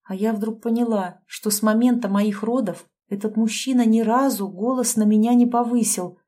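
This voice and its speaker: A young woman reading an audiobook, narrating in first person in a lively, conversational way. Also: fairly high pitch, normal speed.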